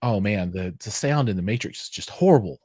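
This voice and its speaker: A man's voice: on the low side, lively intonation, a little fast, darkish tone, slightly rough, no room sound, clean studio sound. A middle-aged man hosting a casual live chat, rambling and self-deprecating, with lots of fillers and restarts. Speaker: host.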